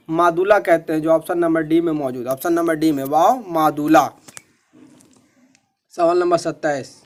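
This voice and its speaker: A man teaching an exam-preparation lesson in a methodical way, repeating each question and its answer. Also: sits high.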